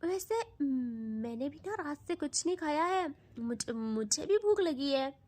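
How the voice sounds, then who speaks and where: A woman's voice: high-pitched, sing-song, a little slow, darkish tone. A woman voicing a playful, protective young woman who teases her partner and stammers when flustered. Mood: teasing.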